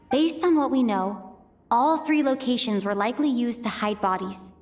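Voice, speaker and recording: In a lightly acted fan dub of a game cutscene, a woman voices a thoughtful young female traveler's inner monologue as she methodically pieces together a mystery, weighing each clue and questioning herself aloud. Her voice sits a little above typical female pitch, with faint game music quietly underneath.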